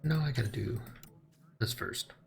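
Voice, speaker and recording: A man's voice: medium pitch, unhurried, gravelly, slight background noise. A male streamer giving casual gameplay commentary, laid-back and thinking aloud. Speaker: streamer playing a video game.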